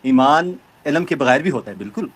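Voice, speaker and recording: A man's voice: mid-range voice, lively intonation, a little hiss or hum. A man arguing his side in a heated religious debate, insistent and repeating himself as others talk over him. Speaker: caller defending his view.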